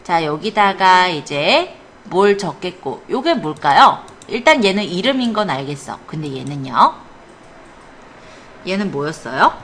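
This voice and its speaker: With a fairly low, sing-song voice that's a bit bright, this female computer academy instructor walks her spreadsheet class through a hands-on lesson at a measured pace. She moves step by step, regularly asking brief questions and offering encouragement to make sure everyone follows. The classroom noise behind her comes through clearly.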